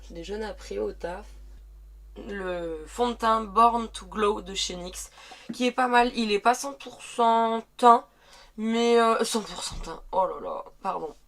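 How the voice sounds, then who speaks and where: Recording in a small home dressing room, a woman in her early thirties talks straight to the camera in a casual, rambling makeup tutorial, with frequent sighs and self-corrections. A slight croak lingers from her recent bout of covid; otherwise her mid-range voice is fairly bright, and she keeps a measured pace.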